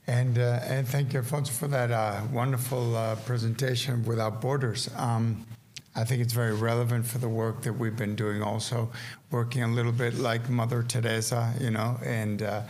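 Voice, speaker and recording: Gravelly man giving a lecture. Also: medium pitch, a little mellow, a little hiss or hum. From Caracas, Venezuela. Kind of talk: conference lecture. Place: indoor seminar room at a lectern. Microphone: lectern microphone.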